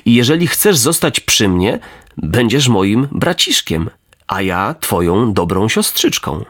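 A man doing a gentle fairy. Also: lowish voice, very animated, slow pace, breathy edge, heavily acted. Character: kind gentle fairy woman.

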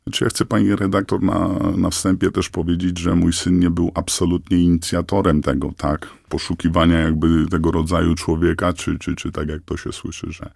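A man with an electronically disguised voice, answering a radio interviewer haltingly with many fillers and restarts. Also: level tone, gravelly, darkish tone, husky, no echo, clean studio sound. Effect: voice disguised, pitched down. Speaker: anonymous father interviewed on radio.

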